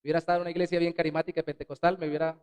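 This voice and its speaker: A man preaching a sermon as pastor in a church, swinging between loud bursts and soft, dropped words. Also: a little high, little pitch movement, racing, smooth. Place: church sanctuary.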